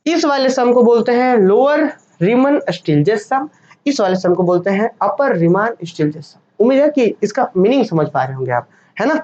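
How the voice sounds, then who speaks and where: A woman's voice: on the high side, lively intonation, moderate pace, darkish tone. A woman teaching a maths lecture, patient and repeating each point, mixing English terms into her talk. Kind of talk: classroom lecture. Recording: dull lo-fi sound with faint noise.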